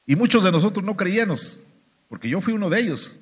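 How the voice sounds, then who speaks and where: Preaching his testimony in church, a Mexican-accented man speaks a little fast in a high, animated voice with a breathy edge. He's emphatic and repeatedly addresses the congregation as "hermanos."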